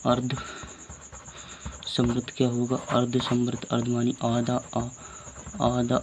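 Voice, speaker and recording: A man's voice: medium pitch, darkish tone, slight background noise. A male teacher giving a casual grammar lesson, asking his own questions and answering them, and sometimes correcting his slips.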